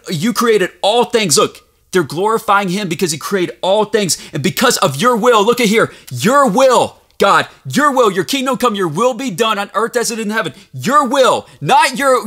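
A man preaching a fervent sermon, reading scripture aloud and rising to shouts as he rebukes his listeners. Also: high-pitched, animated, normal speed, few pauses.

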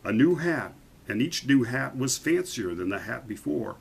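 A man reading a picture book aloud to children, animated and stopping to point out the pictures. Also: mid-range voice, normal speed, vocal fry, husky, rough recording.

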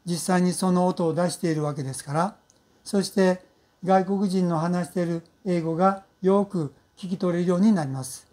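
A woman teaching English pronunciation in Japanese, speaking slowly and patiently with many fillers and drawn-out model sounds. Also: fairly low pitch, mellow. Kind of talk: recorded pronunciation lesson.

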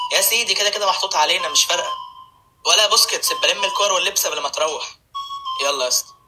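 A man with an Egyptian accent performing a comic sketch, joking in rapid banter and switching between several characters. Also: on the high side, rough recording. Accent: Egyptian Arabic. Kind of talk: comic sketch with many voices. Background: music.

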